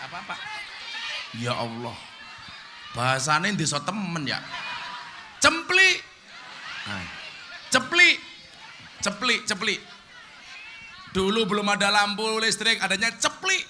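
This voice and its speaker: A man's voice: high voice, expressive, normal speed, pauses often, noisy background. A man with a Javanese accent preaching a humorous sermon, joking and chanting spelling drills in a sing-song.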